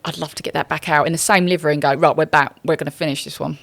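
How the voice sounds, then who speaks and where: A woman's voice: sits low, steady tone, rapid-fire, gravelly, a bit bright, dry recording. A British woman chatting casually as a podcast guest, swearing freely, poking fun at herself and acting out what people said. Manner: sweary, self-mocking, acts out quoted speech. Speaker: interview guest, racing team member. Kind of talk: casual podcast anecdote telling.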